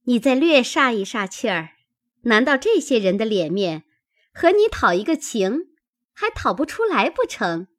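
A woman voicing a composed young maid who persuades calmly in a classic novel reading. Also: on the high side, measured pace, no room sound, studio quality, voice pushed up. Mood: coaxing. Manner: coaxing and persuasive.

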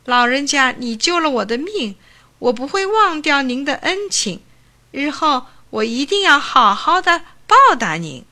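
A woman's voice: very high voice, takes it slowly, sharp tone, voice pushed up, full character voice. A woman voicing a young male chicken thief who whines and pleads in a fearful voice. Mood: grateful.

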